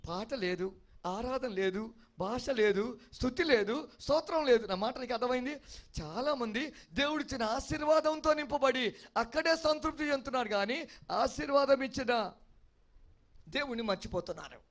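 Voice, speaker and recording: A man's voice: extremely high pitch, normal speed. A male pastor delivering an expository sermon, preaching with emphatic repeated refrains and often asking the congregation whether they follow him.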